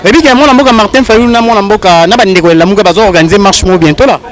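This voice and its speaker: A male reporter running a brisk street interview outdoors in a city. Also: high voice.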